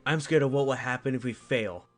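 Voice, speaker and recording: Team leader, male actor: medium-pitched, earnest, rallying, amateur drama read with faint music. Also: a little fast, natural voice. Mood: earnest resolve. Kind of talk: amateur animated drama acting.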